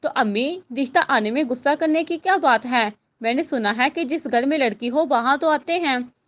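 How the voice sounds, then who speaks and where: Woman doing a wry young daughter, high voice, playful, storybook reading. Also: normal speed, fairly bright tone. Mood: teasing. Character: teasing witty young daughter.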